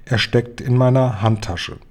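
A man doing a firm calm old grandmother. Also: mid-range voice, measured pace, close to an everyday voice. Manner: composed, patient.

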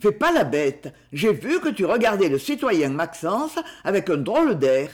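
A gruff, sly rough man with a blunt, familiar way of talking, as a male storyteller puts him on. The voice sits fairly high and swings widely, and the suspicion shows through in a storybook reading. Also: very animated, normal speed.

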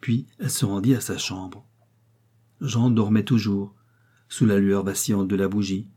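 A man narrating a classic novel as an audiobook, in a steady, measured reading. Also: fairly low pitch, husky. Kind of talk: scripted narration.

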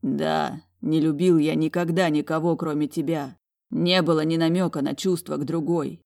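A woman's voice: low-pitched, fairly even intonation, normal speed, creaky, darkish tone. A woman voicing a proud young man who pleads earnestly for forgiveness, in storybook narration. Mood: pleading.

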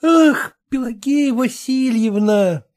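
A woman's voice: on the high side, slow, voice pushed up. A woman reading a story, voicing a meek man who sighs and wheedles while bargaining. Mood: sighing, reluctant. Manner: sighing, soft-spoken. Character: meek, sighing male heir, wheedling.

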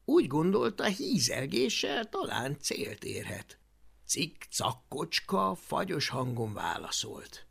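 Lively audiobook reader doing a kids story, bright gravelly voice. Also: medium pitch. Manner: animated storytelling. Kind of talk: expressive audiobook narration.

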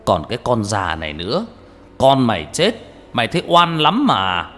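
A man's voice: mid-range voice, wildly swooping pitch, moderate pace, fairly bright tone. Man voicing a snarling brutal old tyrant. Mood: snarling threat. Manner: snarling, threatening, coarse. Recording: reverberant with background music.

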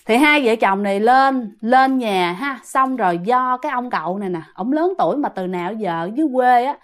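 A woman's voice: a little high, animated, fairly quick. A woman with a Southern Vietnamese accent telling a ghost story casually, often addressing her listeners directly.

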